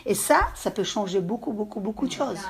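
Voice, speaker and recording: Speaking in a mid-range, animated, creaky voice over crowd noise, an accented female religious teacher lectures a group. Her storytelling stops and restarts, and she frequently checks her audience's understanding.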